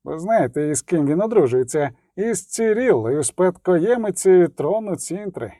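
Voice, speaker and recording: A man voicing a calm, well-informed middle-aged merchant in an audiobook, explaining in a measured way. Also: high-pitched, no room sound, clean studio sound, full character voice.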